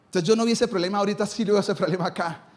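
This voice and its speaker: A man's voice: high voice, very fast. A male pastor preaching a live sermon in his church, asking rhetorical questions and answering them himself.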